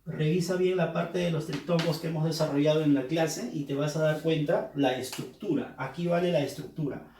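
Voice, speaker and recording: A man's voice: fairly high pitch, fairly even intonation, normal speed, warm tone, a little hiss or hum. A male teacher giving a recorded review lesson, explaining patiently and repeating key terms. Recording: roomy echo, mic at a distance.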